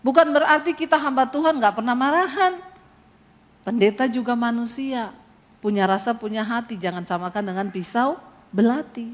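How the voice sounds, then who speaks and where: A middle-aged woman pastor preaching an animated sermon with humor and rising emphasis in a church. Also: on the high side, moderate pace. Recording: long hall reverb.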